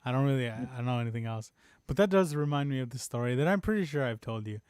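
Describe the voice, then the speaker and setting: A man hosting a podcast in casual chat, telling a story with lots of laughter and animated voices. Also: medium pitch, rapid-fire, clean tone, no room sound, studio quality. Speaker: podcast host. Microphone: desk microphone on stand.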